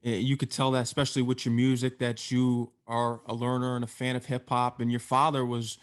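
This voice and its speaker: A man's voice: medium pitch, monotone, brisk. Upbeat male interview host. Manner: enthusiastic, complimentary. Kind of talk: interview questions.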